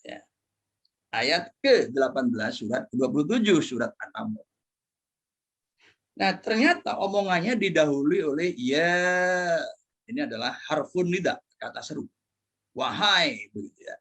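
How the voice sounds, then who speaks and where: Husky, animated man. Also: a little high, measured pace, long pauses. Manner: animated and playful, asks and answers his own questions; drops in Arabic terms and Javanese phrases. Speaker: professor giving a lecture. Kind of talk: lively classroom lecture.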